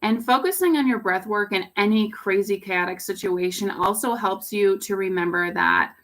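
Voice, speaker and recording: A woman yoga instructor guiding a home yoga class in a relaxed way, with a raspy voice and pollen congestion. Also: mid-range voice, moderate pace. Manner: relaxed, cueing poses with fillers. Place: home under construction. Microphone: laptop camera.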